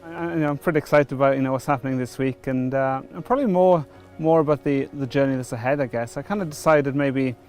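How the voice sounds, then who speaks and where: Soft music plays in the background as a middle-aged church member from Wales, a Welshman, gives his testimony interview before baptism. His mid-range, slightly mellow voice moves fast with few pauses, though he hesitates often, restarting and using many fillers.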